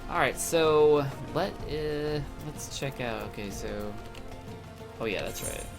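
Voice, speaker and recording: Chatty gamer guy thinking out loud, pretty lively pitch, game music behind. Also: slow, gravelly. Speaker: let's play host. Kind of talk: casual game commentary.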